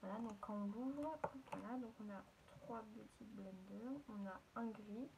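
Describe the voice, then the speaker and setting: A woman's voice: medium pitch, a little slow, creaky, noisy background. A woman chatting casually to her viewers as she unboxes and shows off a beauty haul, with plenty of fillers. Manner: chatty, filler-heavy, addresses viewers directly.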